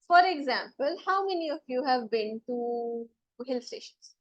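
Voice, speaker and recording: High-pitched woman teaching a class. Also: lively intonation, a little slow, dull audio. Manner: explains step by step, often checking for understanding. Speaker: biology teacher. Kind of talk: classroom lecture with questions to students.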